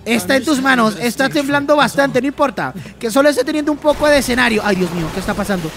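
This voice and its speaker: A man reacting to an animated video in excited commentary, exclaiming often and talking straight to his viewers. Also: very high-pitched, fast, slight background noise.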